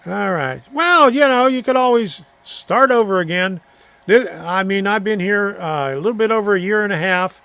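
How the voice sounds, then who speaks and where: A man's voice: high voice, moderate pace, vocal fry, bright, forceful tone, clear, resonant tone, no echo. A middle-aged man hosting a live stream, chatting casually and answering viewer comments, rambling and chuckling between thoughts. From Florida.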